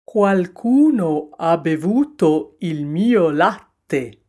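A woman's voice: lowish voice, lively intonation, extremely slow, darkish tone, full character voice. A woman voicing a big papa bear who grumbles indignantly in a storybook reading.

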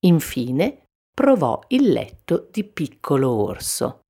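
A woman reads a children's fairy tale aloud at a very slow, deliberate pace. Her voice is rather low but moves through a wide, lively melody. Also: vocal fry, husky. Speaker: storyteller. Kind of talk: children's storybook narration.

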